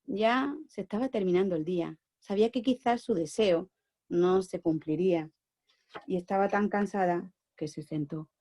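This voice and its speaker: Lively Spanish woman telling a children's tale. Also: on the low side, moderate pace, no room sound, studio quality. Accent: Spain. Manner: animated, shifting from bright to hushed. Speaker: oral storyteller and educator. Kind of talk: expressive storytelling for children.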